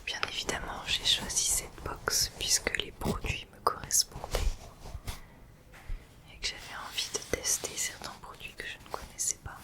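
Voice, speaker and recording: A woman hosting an ASMR unboxing, speaking in a whisper and soothingly addressing the listener directly. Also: normal speed. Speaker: ASMR video host.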